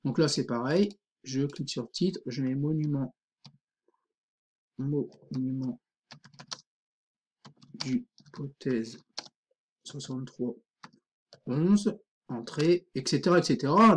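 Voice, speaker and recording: A man teaching a screen-recorded software tutorial, informal and thinking aloud, full of fillers. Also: mid-range voice, husky.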